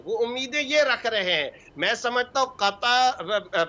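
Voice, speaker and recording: Fired-up mufti guy on a tv talk show, high bright voice, kinda dull lo-fi sound. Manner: fervent, piles up short emphatic phrases. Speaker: mufti, religious scholar guest. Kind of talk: impassioned religious commentary on a TV talk show.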